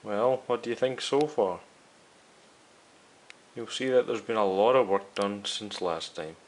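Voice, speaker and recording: A lowish, slightly slow male voice belongs to the host of a radio restoration series. He chats casually as he works through a hands-on repair, telling viewers directly what each step involves.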